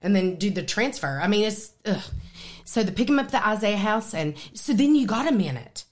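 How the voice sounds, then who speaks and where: A woman on a faith-based radio program, talking casually and excitedly about her ministry with plenty of fillers. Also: medium pitch, fairly quick. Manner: excited and animated, lots of fillers. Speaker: ministry guest. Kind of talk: casual interview conversation.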